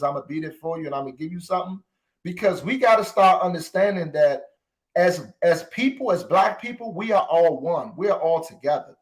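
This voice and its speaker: A man hosting a podcast, talking with emotion to his listeners and repeating phrases for emphasis. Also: fairly high pitch. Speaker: podcast host. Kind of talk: impassioned commentary.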